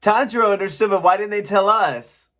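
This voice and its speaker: A man hosting a reaction video, chatting casually and excitedly while he watches. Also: high-pitched, fairly quick, crowd noise. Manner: excitable, chatty, often laughing.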